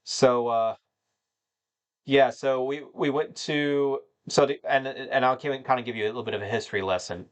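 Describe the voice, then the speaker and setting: A man in his thirties from North Carolina, in the United States, speaks at medium pitch and normal speed while casually answering viewer questions on a livestream. He rambles, uses plenty of fillers, and refers to the chat as "man."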